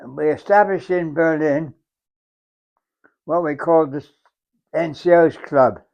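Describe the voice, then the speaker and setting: A very old English man, around a hundred, reminisces as a war veteran. His voice sits a little high for a man, and he talks in a halting, reflective way, circling back over phrases. The recording is somewhat dull and muffled. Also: creaky, a little mellow. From England. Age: very old, around 100. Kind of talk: unhurried oral-history reminiscence.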